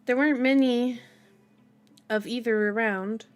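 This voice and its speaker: A woman hosting her own channel reads a novel aloud ASMR-style, adding chatty, playful asides. Her voice is fairly high and steady, a little slow, with music playing behind her.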